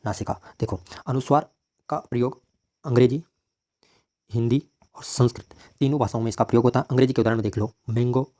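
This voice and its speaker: Mellow-voiced male teacher lecturing. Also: medium pitch. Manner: asks questions and answers them himself; repeats key points for emphasis. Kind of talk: classroom grammar lecture.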